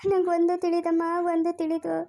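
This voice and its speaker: Cartoon: woman voices poor tearful laborer father, very high, rapid. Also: level tone, mellow, no room sound, clean studio sound, close to an everyday voice. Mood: pleading. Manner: pleading, self-pitying. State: crying. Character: poor weeping male farm laborer father, middle-aged. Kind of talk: cartoon voice acting.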